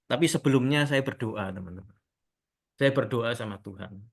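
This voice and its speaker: A man telling a testimony story in a relaxed, conversational way, often addressing his listeners as friends. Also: medium pitch, normal speed, creaky. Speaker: speaker giving a testimony.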